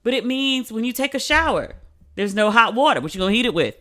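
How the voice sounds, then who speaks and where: A woman's voice: on the high side, expressive, fast talker, a bit bright. A tipsy woman hosting a podcast, talking casually and unscripted in salty, slangy language with repeats for emphasis. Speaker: podcast host. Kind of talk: casual chat, unscripted monologue.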